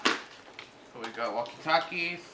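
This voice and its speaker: Speaking slowly in a fairly high voice, a man casually unboxes and reviews a product for his vlog audience. He hesitates and slips between two languages, and the echoey room carries faint background noise.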